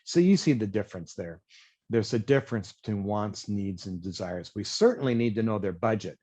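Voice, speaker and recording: A man presenting a sales and marketing training session, energetic but deliberately slowing his speech to explain. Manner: energetic, self-described high-wire talker; deliberately slowed, explanatory pace. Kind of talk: webinar presentation. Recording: dull lo-fi webinar audio.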